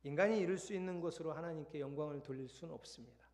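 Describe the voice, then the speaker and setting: A man's voice: a little high, very fast, darkish tone. A man preaching a Sunday sermon as pastor in a conversational style that builds to emphatic points. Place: church sanctuary. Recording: long hall reverb.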